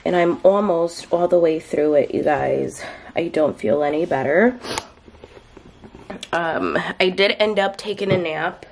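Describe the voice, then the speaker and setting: A tired, low-energy woman with a stuffy nose and a gravelly voice vlogs to camera, rambling unhurriedly with lots of fillers. She moves from her bedroom to a kitchen at home, filmed on a handheld camera held at arm's length, with a slight hiss or hum.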